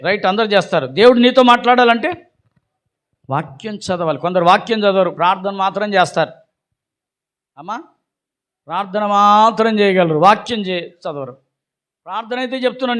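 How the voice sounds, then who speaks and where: A male pastor preaching a sermon, exhorting the congregation with rhetorical questions and calls to shout hallelujah. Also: sits high.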